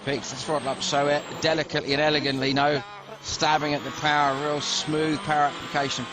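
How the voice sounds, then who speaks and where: A man's voice: on the high side, little pitch movement, brisk, music in the background, rough recording. A man giving rally commentary as a motorsport commentator, explaining the driving in an admiring way. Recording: very loud engine noise behind voice. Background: roaring rally car onboard sound.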